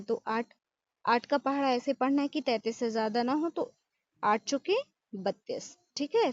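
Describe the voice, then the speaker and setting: High voice lady maths teacher, asks then answers herself, dull dry lo-fi audio. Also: dry recording. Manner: asks students questions and answers them herself, repeats "ठीक है" often. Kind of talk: classroom lesson with step-by-step long division.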